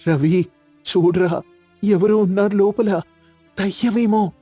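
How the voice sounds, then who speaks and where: A man's voice: a little high, steady tone, moderate pace, dark tone, dry recording, faint music behind, lightly acted. A man voicing a nervous young village man who is afraid of ghosts. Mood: scared. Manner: fearful, shaky.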